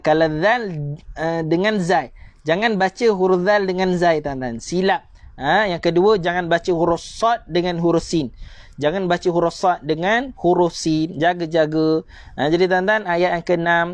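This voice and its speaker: A man with a Malaysian Malay accent teaching Quran reading in a live online lesson, drilling sounds again and again and chanting verses slowly. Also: fairly high pitch, no room sound. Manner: drills sounds by repeating, addresses viewers as "tuan-tuan".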